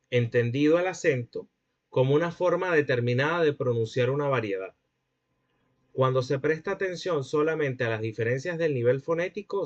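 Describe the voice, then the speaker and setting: A man with a Venezuelan accent gives a linguistics lecture in a voice of ordinary middle pitch. He explains patiently and keeps pausing to ask whether the class is following. The sound is dull and lo-fi. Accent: Venezuelan Spanish. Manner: explanatory, checks in with students often. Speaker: linguistics teacher. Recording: muffled lo-fi audio.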